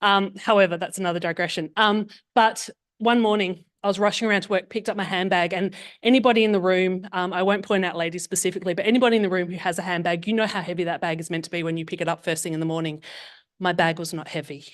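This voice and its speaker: A woman's voice: on the low side, steady tone, fast, dry recording, clean studio sound. A woman in her forties with an Australian accent, telling a candid personal story at a meetup with self-deprecating humor. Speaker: meetup speaker. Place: meetup room.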